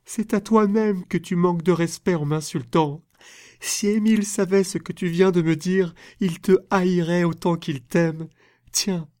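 Guy doing a proud passionate young woman from a storybook, mellow dark tone, theatrical and impassioned. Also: sits high, fairly even intonation, measured pace, dry recording, studio quality, voice pushed up. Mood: furious.

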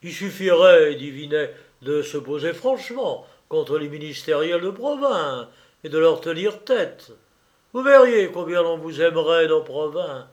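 Imagine a man playing a cunning small-town lawyer in a classic audiobook. He speaks up loud and persuasive, with an edge of malice. The voice stays close to the reader's own, a bit higher. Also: lively intonation, a little slow. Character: scheming middle-aged provincial lawyer, sly.

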